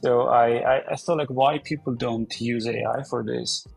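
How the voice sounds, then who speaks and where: A man's voice: mid-range voice, steady tone, a little slow, creaky, husky, soft background music, rough recording. A man in his forties from Armenia, a podcast guest speaking casually over a video call, with frequent fillers and restarts. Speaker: podcast guest, company founder. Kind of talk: casual interview talk. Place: indoor room.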